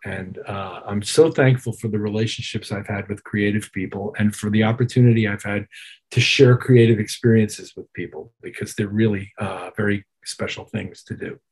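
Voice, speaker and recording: A middle-aged or older man, a musician and producer guesting on an interview, talks in a low, fairly even, husky and slightly mellow voice at a moderate pace. He casually tells detailed, reflective anecdotes and acts out snippets of remembered dialogue.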